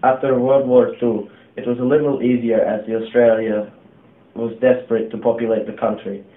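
A young man voicing an elderly migrant scientist, reading a first-person account of arriving in a new country in a flat, steady way. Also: medium pitch, moderate pace, natural voice. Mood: earnest. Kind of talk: read first-person testimony. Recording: echoey room, tinny phone-like sound.

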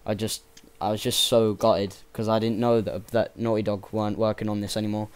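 Rambling young man with a lowish voice. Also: level tone, a little fast, clean tone. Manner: rambling and enthusiastic, swears freely. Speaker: let's play gamer. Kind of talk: casual gameplay commentary.

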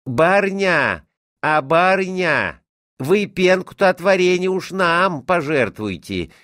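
A man's voice: high-pitched, big pitch swings, slow, a bit bright, no room sound, studio quality, pitched above the performer's own voice, heavily acted. A man voicing a household cook who drawls and pleads. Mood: wheedling. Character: wheedling household cook woman.

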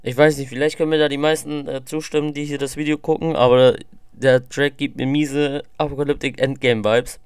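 A man's voice: medium pitch, level tone, fairly quick, a little mellow, smooth, no room sound, studio quality. A man giving casual, enthusiastic, rambling reaction commentary on music into a desk microphone. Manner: enthusiastic, slangy, rambling with fillers.

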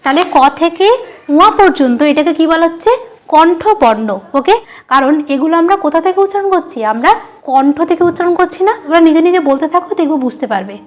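A woman's voice: very high-pitched, lively intonation, fast. A woman teacher explaining a grammar lesson at a board, asking her students questions and answering them herself, repeating each key term.

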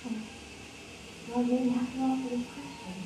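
A woman's voice: a little high, steady tone, fairly quick, distant mic, natural voice. A woman voicing a shy virtual woman. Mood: hesitant. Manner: hesitant, reluctant answers. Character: shy young female virtual human in VR. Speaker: interviewee in a study. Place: research VR room. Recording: echoey room, heard from afar, noisy.

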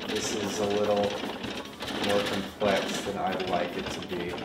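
A man with a nasal voice, chatting and joking casually while playing a party game, quick to swear and get excited. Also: low-pitched, very noisy. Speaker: gameplay video host. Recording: roomy with game music behind.

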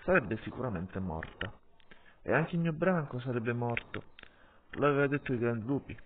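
A man narrating an audiobook, telling the story in a lively way, with tinny, phone-like sound. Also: medium pitch, moderate pace, a little hiss or hum. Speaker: audiobook reader.

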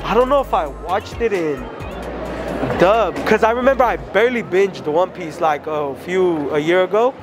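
Man, high voice, excited fan, slangy casual chat, loud music behind. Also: moderate pace. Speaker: fan vlogger at a convention. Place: large indoor convention hall. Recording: loud crowded hall, music and chatter. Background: loud crowd and music.

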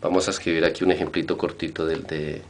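A man's voice: rumbling low, little pitch movement, quick pace. A man teaching Hebrew vocabulary in a recorded lesson, patiently repeating and spelling out words.

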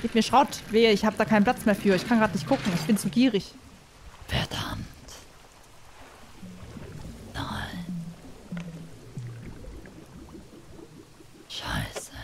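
A woman hosting a casual gaming video, talking to herself as she plays, excitable and chatty, with the odd curse and giggly sing-song bursts. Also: a little high, fast, hardly any pauses, background noise. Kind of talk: casual let's-play commentary.

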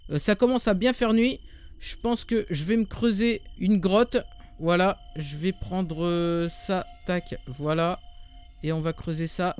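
A man's voice: high-pitched, a little slow, smooth, faint music behind. A man with a French accent giving casual, slangy Let's Play commentary, talking straight to his viewers and swearing when things go wrong. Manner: excitable, slangy, swears, addresses viewers directly. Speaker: gaming YouTuber.

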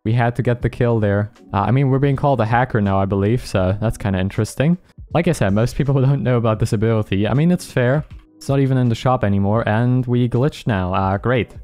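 A man talks through his gameplay in a relaxed, mellow voice, laughing often and poking fun at his own mistakes. He keeps apologizing to the players he beats. Quiet background music plays under his desk-mic commentary. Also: mid-range voice, a little fast. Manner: laughing, apologetic, self-mocking. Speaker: gaming YouTuber.

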